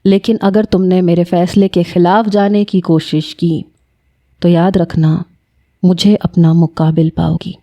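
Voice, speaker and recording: Stern old patriarch, read by a woman narrator, slow and curt, mellow tone. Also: on the low side, flat delivery, close to an everyday voice.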